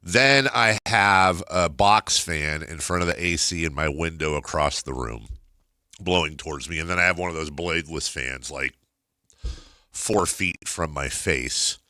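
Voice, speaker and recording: A man's voice: extremely low pitch, unhurried, bright, forceful tone, dry recording, clean studio sound. A middle-aged man with a stuffed-nose, very nasal voice, talking casually and ramblingly as a talk radio host, repeating words and poking fun at himself.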